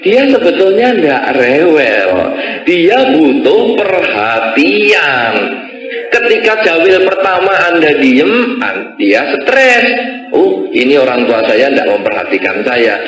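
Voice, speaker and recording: A man giving a Buddhist sermon, a lively storyteller who acts out voices and sounds. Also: a little high, takes it slowly, echoey room, faint music behind, rough recording. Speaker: Buddhist monk giving a dharma talk.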